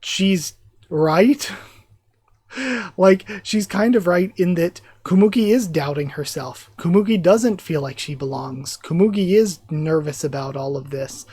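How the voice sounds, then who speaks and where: A YouTube reactor whose voice is going out reads a manga aloud during a live reaction, chatting excitedly. The voice is mid-range with a breathy edge, and there's no echo.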